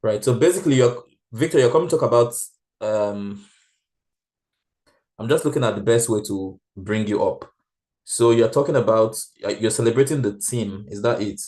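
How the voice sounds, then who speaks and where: A man's voice: lowish voice, normal speed, a little mellow. A man rehearsing as host of an online event, hesitant and checking details. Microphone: video call.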